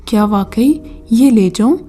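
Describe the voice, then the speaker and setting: Lady reading as a broke young guy, flustered and pleading, warm voice, faint music under it. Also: fairly high pitch, lightly acted. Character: poor desperate young man, anxious and pleading.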